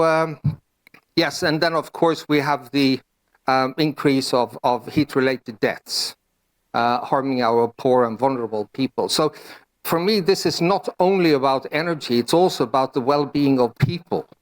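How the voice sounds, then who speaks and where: A middle-aged man from Sweden with a Swedish accent, giving a conference presentation with many fillers and restarts. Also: fairly high pitch. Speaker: panel speaker.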